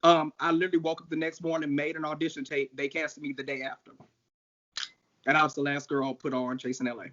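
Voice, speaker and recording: A drag performer in his thirties from St. Louis, talking through his story in a loose, animated way and laughing often. His voice sits a little high. The audio is dull and lo-fi. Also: fast. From St. Louis, Missouri. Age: 30s. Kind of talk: casual interview storytelling.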